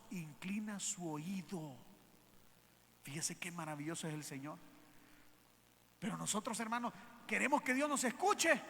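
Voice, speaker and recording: A man preaching in a church hall, his high, bright voice carrying emphatic questions to the congregation. The sound rings with long reverb, and a faint room ambience sits behind him. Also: a little hiss or hum. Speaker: pastor. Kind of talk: sermon.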